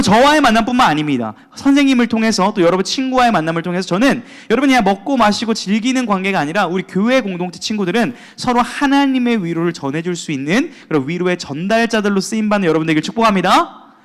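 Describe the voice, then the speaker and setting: A young man preaching as a youth pastor, playful and talking with the young people in the room, often acting out the voices of people in his stories. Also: high voice. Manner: playful, talks with the audience, acts out quoted voices. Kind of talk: sermon. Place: church worship hall. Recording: long hall reverb.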